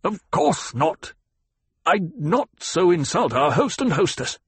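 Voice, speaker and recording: A man voicing a haughty, resentful banker in an audiobook, with a rasping, stiff and pointed delivery. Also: on the high side, very animated, measured pace, no echo, voice pushed up, full character voice. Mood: stiff, fearful.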